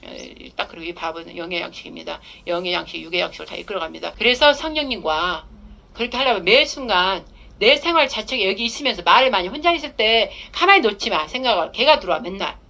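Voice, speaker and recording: A woman's voice: mid-range voice, expressive, fast talker, gravelly, pushed and bright. A middle-aged woman pastor preaching a testimony sermon in an emphatic, conversational way, acting out prayers aloud.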